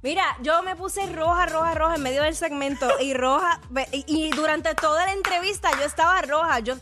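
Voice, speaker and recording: A woman's voice: high-pitched, brisk, music in the background. A Puerto Rican woman co-hosting a radio show, chatting casually, giggling and poking fun at herself. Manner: giggly, self-mocking, laughs often. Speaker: radio co-host.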